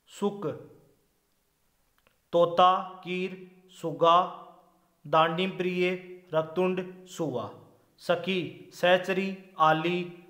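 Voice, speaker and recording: Male Hindi tutor with a Rajasthani accent, slightly high voice, slow, deliberate list delivery; quizzes the class and answers himself. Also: a bit bright. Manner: slow, deliberate listing of words one by one; quizzes the viewers with questions and answers them himself. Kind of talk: exam-prep lesson reciting synonym lists.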